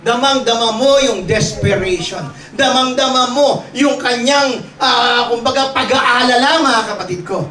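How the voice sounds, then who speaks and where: A man's voice: extremely high pitch, unhurried, hardly any pauses, music in the background. Male pastor, playful sermon, call-and-response, echoey hall, distant mic, congregation around. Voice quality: joking, lively preaching with call-and-response.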